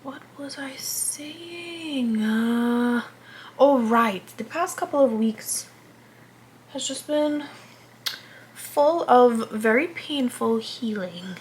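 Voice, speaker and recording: A woman in her twenties vlogs while doing her makeup, chatting loosely, rambling, interrupting herself, and sometimes whispering. Her voice sits on the high side, and she draws out her words.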